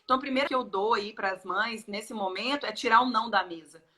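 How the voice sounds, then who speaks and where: A woman's voice: fairly high pitch, quick pace. A woman in casual conversation, explaining child feeding to parents and acting out what children and parents say. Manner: expressive, acts out the child's and parents' words.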